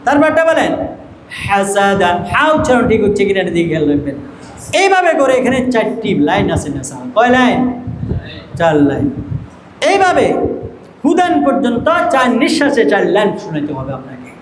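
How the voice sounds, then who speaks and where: A man's voice: high voice, very animated, a little fast, echoey room, rough recording. A man training teachers in Quran reading, asking the class questions and answering them himself as he drills syllables.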